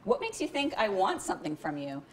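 A woman's voice: medium pitch, wildly swooping pitch, fairly quick, a little hiss or hum. A woman reading the lines of a smug, condescending young woman hacker at a bookstore reading, in a cool, matter-of-fact way. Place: bookstore event.

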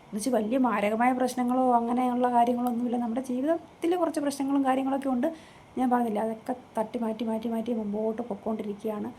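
In a casual home vlog, a woman speaks into the phone in her hand, earnest and rambling as she goes back over the same points repeatedly. She races along in a fairly high voice that stays steady yet dark, over slight background noise.

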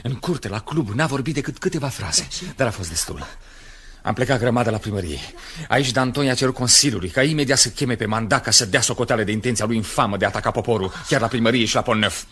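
A man's voice: mid-range voice, natural voice. An actor playing Camille, an eager young male revolutionary, in a 1970s radio drama. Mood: excited. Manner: excited, lively storyteller.

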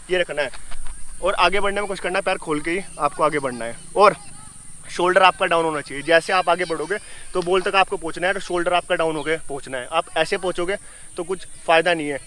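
A young man gives a cricket batting lesson outdoors, speaking quickly in a bright, forceful voice. His pitch sits a little high for a man, and he stays energetic as he demonstrates each move. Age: young adult. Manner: energetic, demonstrates while talking. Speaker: cricket coach. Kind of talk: instructional talk to camera.

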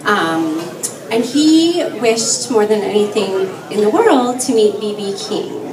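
A woman's voice: mid-range voice, expressive, takes it slowly. A woman guest on a bar stage telling her story into a handheld mic, with many "um" fillers. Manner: soft-spoken, with many "um" fillers and light laughs. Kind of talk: on-stage interview. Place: bar stage before a crowd. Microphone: handheld mic, far camera. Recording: echoey bar from far off, crowd noise. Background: crowd chatter.

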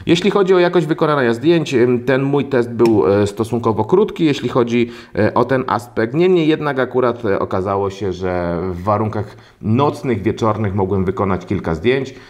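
A man reviewing a phone in a casual video, often pausing with drawn-out fillers. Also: medium pitch, animated, darkish tone. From Poland. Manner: hesitant, many drawn-out fillers. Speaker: tech reviewer. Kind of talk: product review narration. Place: home room with a large monitor.

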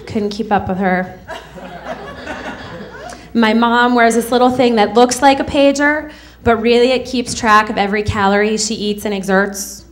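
A woman's voice: fairly high pitch, normal speed. Sarcastic woman doing stand-up. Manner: sarcastic, snappy delivery with mocking character voices. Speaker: stand-up comedian. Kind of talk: stand-up comedy set. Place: comedy club stage. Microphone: handheld stage mic.

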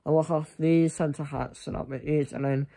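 A young man chatting casually to camera in a halting, rambling way that often trails off. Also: a little high, steady tone, creaky, mellow. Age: young adult. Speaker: vlogger. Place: small furnished room indoors. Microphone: phone at arm's length.

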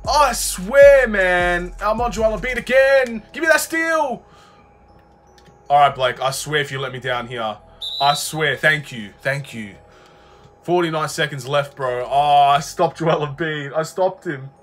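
A man giving excitable live commentary on his own video game, swearing and calling out "bro" often. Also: on the high side, unhurried, faint music behind. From Australia. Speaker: gaming YouTuber.

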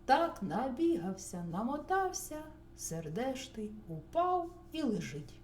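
Woman storyteller, bedtime tale; lively, gentle, whispered asides; faint hum behind. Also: on the high side, takes it slowly. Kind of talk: children's bedtime story narration. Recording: roomy recording, faint hum.

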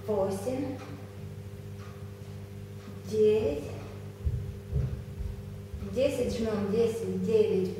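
A young woman instructs a workout in short commands and slow, measured counts. Her voice sits at a middling pitch. It is recorded from a distance in a very reverberant, echoing studio. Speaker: fitness instructor. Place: small indoor exercise studio. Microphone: camera a few metres away. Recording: echoey room, distant mic, clear noise.

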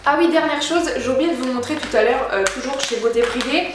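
High-voiced chatty young woman, echoey room. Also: quick pace, background noise. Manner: chatty, slangy, enthusiastic. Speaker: beauty vlogger. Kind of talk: casual beauty haul vlog.

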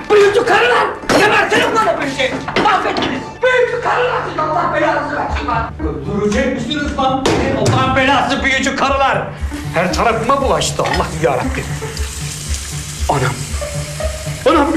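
An actor playing a frantic young man who shouts and curses, certain he is under a spell. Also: very high-pitched. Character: furious young man sure he is bewitched. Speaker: film character. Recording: echoey room with loud music.

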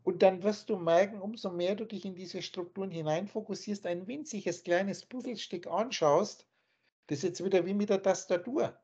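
Speaking at normal speed with a high, husky, darkish voice, a man teaches spiritual matters over a video call, lecturing emphatically and with scorn. The sound is dull, lo-fi call audio.

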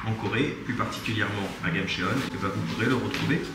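A man in his thirties, a travel vlogger, talks to his viewers with real enthusiasm while filming himself at arm's length on a handheld camera in a small restaurant. His voice is fairly low and quick, and it competes with heavy background noise and music in this casual vlog.

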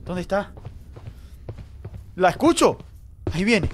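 Excitable man streaming a horror game. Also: sits high, takes it slowly, slight background noise. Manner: excitable, jumpy, talks to chat. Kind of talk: live gameplay commentary.

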